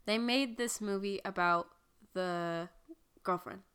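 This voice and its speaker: A woman's voice: medium pitch, a bit bright, smooth. A woman co-hosting a podcast with a stuffed-up cold, chatting about a movie with sarcastic comebacks. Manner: sarcastic, laughing, quick comebacks. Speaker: podcast co-host. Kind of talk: casual movie-review chat. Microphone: podcast microphone.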